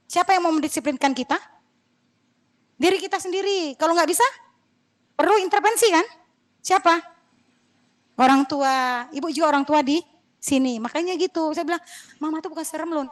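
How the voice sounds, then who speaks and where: Brief: middle-aged female lecturer, high voice, talkative and digressive, firm with her class. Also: moderate pace, pauses often. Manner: chatty, digressive, mildly scolding. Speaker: university lecturer.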